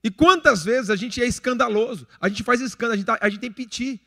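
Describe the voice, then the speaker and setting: This pastor's very high voice is quick, bright and forceful, echoing with long church reverb through a church hall. In his thirties and Brazilian-accented, he preaches conversationally, joking and acting out bits of everyday life.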